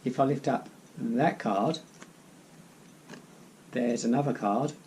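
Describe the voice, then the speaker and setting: A man's voice: medium pitch, slow pace, darkish tone, a little hiss or hum, low-quality recording. A man giving casual card magician patter as host, rambling step by step, repeating phrases and adding self-deprecating asides.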